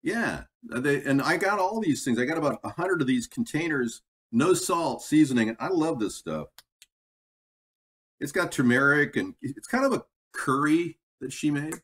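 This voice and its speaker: A man's voice: a little high, lively intonation, moderate pace, a bit bright. Man on a distant, tinny mic. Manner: rambling, folksy, breaks off to read chat. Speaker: livestream cooking host. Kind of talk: casual cooking chat to live viewers. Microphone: computer microphone, away from the mouth. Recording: tinny computer mic, distant, background noise.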